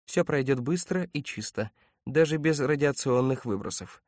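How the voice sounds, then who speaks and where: A man voicing a calm, precise male android officer who speaks in a measured, clinical way. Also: mid-range voice, no room sound, studio quality, natural voice.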